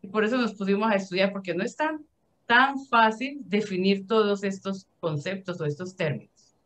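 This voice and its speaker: A woman's voice: mid-range voice, moderate pace, fairly bright tone. A woman who thinks aloud as she explains a reading to a Bible study group. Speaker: speaker in a virtual Bible study. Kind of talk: explanatory talk. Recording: dull, muffled sound.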